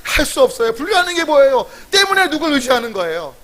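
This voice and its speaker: High-voiced emphatic male pastor. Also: very animated, fast talker. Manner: emphatic, calls out to the congregation and acts out prayers; swings from loud to soft, almost whispered. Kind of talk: sermon.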